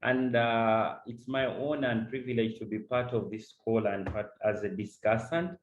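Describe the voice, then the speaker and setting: On a webinar call, a Ugandan man serves as a panel discussant, speaking earnestly in a lowish, steady voice at a moderate pace and often repeating words as he begins a point. The video-call audio is reverberant and muffled, with slight background noise.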